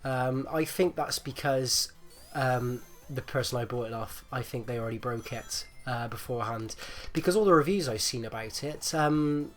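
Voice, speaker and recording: A man's voice: medium pitch, moderate pace, hardly any pauses, a bit bright, faint music behind. A man with a rattly, congested chest from flu, giving casual, rambling gameplay commentary with hesitant repetitions. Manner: hesitant, rambling, repeats himself. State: phlegmy, getting over flu. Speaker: gaming video host.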